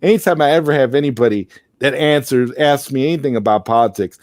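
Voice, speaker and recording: A man's voice: medium pitch, quick pace, darkish tone, dry recording, studio quality. A man hosting a casual late-night live stream, rambling and restarting his sentences as he talks into a headset. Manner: rambling, repeats words and restarts often. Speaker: host.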